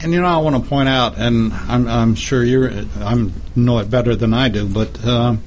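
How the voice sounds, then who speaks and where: An American man hosting an interview in a casual chat, haltingly searching for his words. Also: medium pitch, a little mellow, a little hiss or hum. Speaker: interview host.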